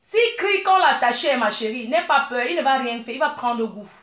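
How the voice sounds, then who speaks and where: Middle-aged woman, blunt animated advice, fairly high voice, echoey room. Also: normal speed. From Cameroon. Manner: blunt, animated, calls listeners "maman" and "ma chérie". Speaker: business owner. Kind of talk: frank advice monologue.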